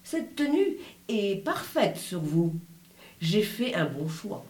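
A woman voicing a cold, arrogant rich man with a lowered, grave voice who speaks in smug, suggestive tones, in a spoken story. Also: sing-song, slow pace, darkish tone, heavily acted. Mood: seductive. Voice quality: low, grave voice. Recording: roomy echo.

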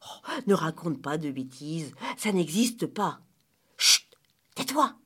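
Jeune fantôme intrépide et autoritaire, joué par une femme, voix légèrement voilée. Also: female voice, sits low, slow, slightly rough, pitched below the performer's own voice, heavily acted. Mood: bossy. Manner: excited, bossy. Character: bold young ghost girl, a bit proud.

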